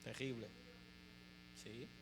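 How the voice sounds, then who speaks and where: A man teaching a workshop for preachers, explaining slowly, stressing key words and checking in with his listeners again and again. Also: medium pitch, flat delivery. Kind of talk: church teaching talk. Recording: long hall reverb with faint mains hum.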